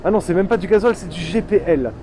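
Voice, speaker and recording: A man's voice: high voice, lively intonation, fast, background noise. A man with a southern French accent, chatting casually as he rides his motorcycle and swearing freely. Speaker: motorcycle vlogger. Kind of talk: casual vlog while riding.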